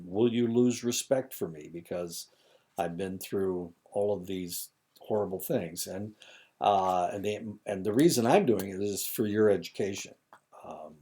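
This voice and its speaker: Male lecturer, low warm voice, reads slide points, drops in asides and fillers. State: dry throat, voice cracking. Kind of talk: recorded lecture reading slides.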